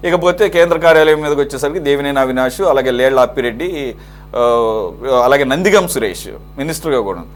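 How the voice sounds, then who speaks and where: Male news anchor moderating a debate. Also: on the high side. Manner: measured, recaps events then puts questions to panelists.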